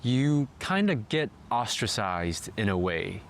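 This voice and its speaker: A man who grew up in Malaysia, narrating his vlog in a measured, explanatory way. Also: on the low side, sing-song, slight background noise. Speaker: vlogger.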